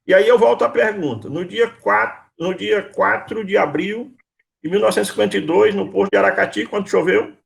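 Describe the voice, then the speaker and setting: A university lecturer teaching via video call speaks briskly in a high voice with vocal fry. He patiently repeats his questions as he quizzes his students, calling on each by name.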